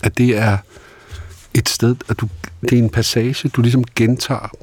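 A man's voice: medium pitch, little pitch movement, a little mellow, dry recording. A man interviewing an author, hesitant with many fillers and restarts. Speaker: interviewer host. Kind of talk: conversational interview.

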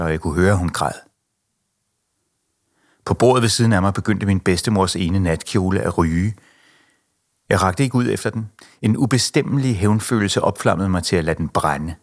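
A man reading a novel excerpt aloud in a measured, expressive way. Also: low voice. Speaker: reader. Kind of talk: literary reading.

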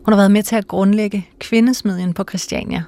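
A woman narrating a documentary in a calm, measured, soft-spoken way. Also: mid-range voice. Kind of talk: scripted narration.

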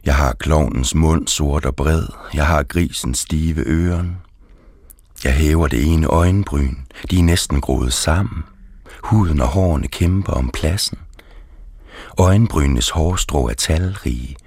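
A man reading his poetry aloud, slow and deliberate. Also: very deep voice, darkish tone, no room sound, studio quality.

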